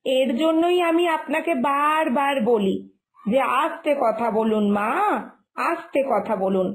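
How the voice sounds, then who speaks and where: A woman voicing an exasperated young village daughter-in-law in a cartoon, who scolds her mother-in-law for talking too loudly. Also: high-pitched, measured pace, poor audio. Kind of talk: Bengali cartoon voice acting.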